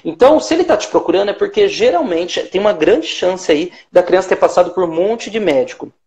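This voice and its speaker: A Brazilian man with a high, expressive, darkish-toned voice speaks fairly quickly with a Brazilian Portuguese accent. Appearing as a hypnotherapist guest in a live-stream interview, he explains his methods emphatically and acts out short quoted lines.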